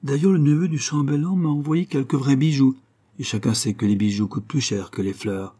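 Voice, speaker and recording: A man's voice: mid-range voice, fairly quick, dark tone, breathy edge, voice pushed up, natural voice. A man reading the lines of a scornful, haughty young woman in a storybook. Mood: dismissive. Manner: scornful, disdainful. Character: proud haughty young woman, professor's daughter.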